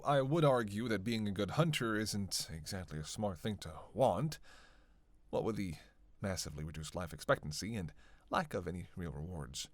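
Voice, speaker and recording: A man plays a teasing, witty, bloodthirsty vampire, a centuries-worn cynic, in a flirtatious dark roleplay monologue to one listener. His low voice is sardonic and playful, conversational with sighs and pauses. There is no room sound.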